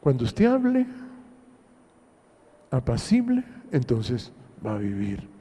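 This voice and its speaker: A man's voice: mid-range voice, huge pitch swings, takes it slowly, dark tone, slightly rough. A man with a Honduran accent, preaching a sermon as pastor and putting rhetorical questions to the congregation in a long church reverb. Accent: Honduran Spanish. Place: church hall.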